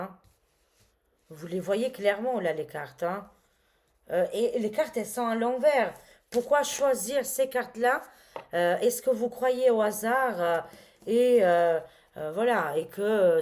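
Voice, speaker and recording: A woman's voice: medium pitch, a little mellow. A woman reading tarot cards to her viewers, talking casually and dramatically with many exclamations and fillers. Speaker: tarot reader.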